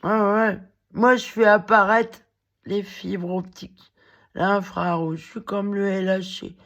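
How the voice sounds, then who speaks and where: A woman with a cracked, hoarse voice, rambling in a halting monologue to the camera, full of fillers and restarts. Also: mid-range voice, fairly even intonation, fairly bright tone. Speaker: vlogger.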